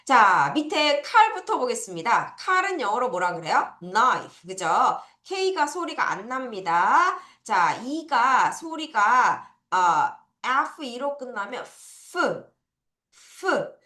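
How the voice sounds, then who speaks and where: A woman teaches a children's vocabulary lesson with a bright, clear tone, leading slow repeat-after-me drills. Her pitch moves around a lot, and she sits slightly high for a woman. The sound carries a noticeable room echo. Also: big pitch swings. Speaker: English teacher. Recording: echoey room.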